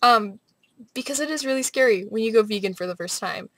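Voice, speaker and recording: A young adult woman rambling casually in a vlog, with an animated, sardonic manner. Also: fairly high pitch, fairly quick, dry recording. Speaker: vlogger. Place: small bright room at home, indoors.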